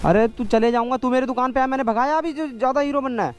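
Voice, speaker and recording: A young man with an Uttarakhand Hindi accent, arguing back defensively in a heated quarrel. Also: very high-pitched. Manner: defensive, quick to argue back. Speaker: vlogger, shopkeeper. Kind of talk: heated argument. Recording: faint background music.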